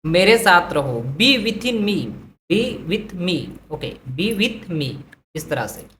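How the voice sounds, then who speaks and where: A woman teaching English vocabulary who says each phrase slowly twice and then explains it in Hindi. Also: on the low side, expressive, fairly bright tone, slight background noise. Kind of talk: vocabulary lesson.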